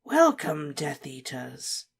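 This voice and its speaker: A woman voicing a cold, cruel male dark wizard lord, speaking softly, slowly and with deliberate menace. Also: lowish voice, expressive, breathy edge, voice pushed up, heavily acted. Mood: menacing. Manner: soft, menacing, slow and deliberate.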